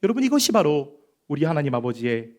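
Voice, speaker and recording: A man preaching a sermon in a church, earnest, speaking straight to his listeners and swinging between loud and soft. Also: on the high side, big pitch swings, fast talker. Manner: earnest, addresses listeners directly, rises and falls sharply in loudness. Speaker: pastor. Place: church sanctuary.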